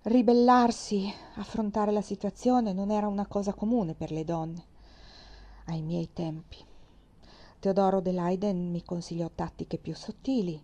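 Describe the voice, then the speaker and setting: Warm-voiced woman reading a novel aloud. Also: fairly low pitch, unhurried. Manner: expressive first-person narration, rising to loud outbursts. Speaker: reader. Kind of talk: dramatic reading of a historical novel.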